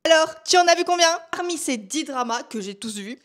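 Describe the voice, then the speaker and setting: Young woman vlogger, high bright voice, chatty, talks directly to camera. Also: animated, a little fast. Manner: chatty, speaks directly to the viewer. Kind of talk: casual chat to camera.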